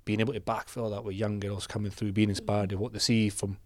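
A man's voice: lowish voice, flat delivery, fast, no room sound. A middle-aged Scottish man hosting a podcast, chatty and teasing, asking question after question. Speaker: podcast host. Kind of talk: casual chat.

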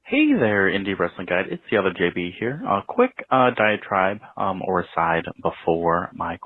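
A man with a very deep voice leaves a voicemail for the show, heard through a thin, phone-like line. He rambles along with frequent ums and uhs. The sound is dry and close. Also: big pitch swings, moderate pace, no echo. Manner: rambling, lots of um and uh fillers. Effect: leaving a voicemail over the phone. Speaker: caller.

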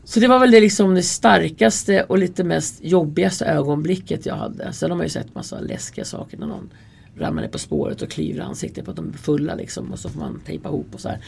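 A woman's voice: low-pitched, sing-song, creaky, a little mellow, a little hiss or hum. A woman, a guest in an interview, telling stories in a candid, earnest way and acting out quoted dialogue. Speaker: interview guest, subway security worker. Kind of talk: casual conversational storytelling.

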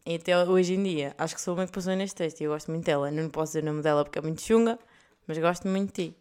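A young woman with a European Portuguese accent hosting a podcast, telling stories in a casual, crude, joking way with sudden loud outbursts. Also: deep voice, very fast, clear, resonant tone. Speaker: podcast host. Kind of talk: casual monologue.

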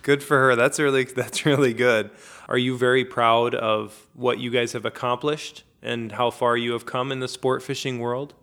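Male interviewer with a mid-pitched voice. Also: steady tone, normal speed, a bit bright. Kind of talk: conversational interview questions.

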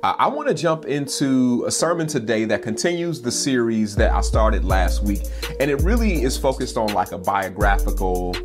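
A man's voice: mid-range voice, very animated, normal speed, over music. A man preaching as a pastor in a personal, conversational teaching style, informally peppering his points with "like" and "right?". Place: home basement playroom.

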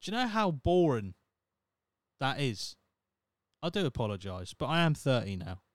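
In a clean studio recording without echo, a thirty-year-old man rambles on his casual solo podcast. His mid-range voice is sing-song at normal speed, and his humor is wry and self-deprecating, heavy on swearing.

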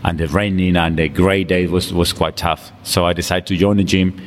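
This man, a Colombian fitness coach, is a guest in a casual gym interview, speaking accented English with Colombian Spanish inflection and laughing often as he talks easily. His low voice has a flat delivery at a moderate pace, with long reverb and faint noise in the recording.

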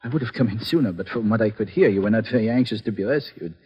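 An actor playing a small, secretive, resourceful ally in an old-time radio adventure, speaking in careful, formal phrases with a husky voice. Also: male voice, on the low side, fast, muffled recording, natural voice. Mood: guarded. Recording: reverberant old radio recording.

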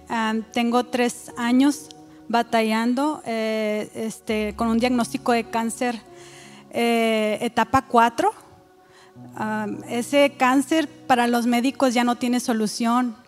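Woman, high pitch, heartfelt church testimony in a reverberant hall. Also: steady tone, slow pace. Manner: earnest, emotional, hesitant fillers. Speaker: guest giving a testimony. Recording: reverberant hall with faint music.

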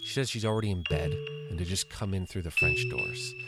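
A podcast host speaks low and fairly fast over loud music, walking through an old crime episode one scene at a time. His casual recap is peppered with dry, sarcastic remarks.

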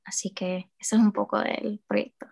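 A young woman from New Orleans, USA, a student and project founder, is a guest in a casual interview, speaking with hesitant fillers and restarts. Her mid-range voice keeps a level tone at normal speed. It sounds creaky, husky, and somewhat dark.

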